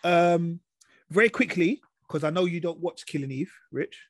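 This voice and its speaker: A podcast host with an urban London roadman accent and slangy street delivery runs a casual chat reviewing TV shows. His voice is a little high and moves at a moderate pace, with no room sound.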